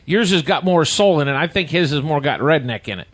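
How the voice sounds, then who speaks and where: A man's voice: fairly high pitch, animated, brisk, a bit bright. A man hosting a casual interview, asking easygoing questions.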